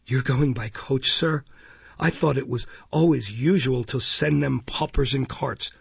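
Man playing a flustered coaxing matron, husky, dry dull recording. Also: mid-range voice, measured pace, no echo, full character voice. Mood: timid. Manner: fawning, coaxing. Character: fawning flustered middle-aged woman caretaker.

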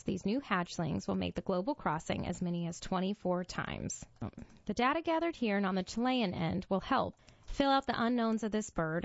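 A woman with a mid-pitched voice reads in a nature documentary style. Her delivery is measured and clearly scripted, like an article read aloud. The recording is dry and slightly dull, with a lo-fi finish. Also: dry recording. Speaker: volunteer-style magazine reader for a radio reading service.

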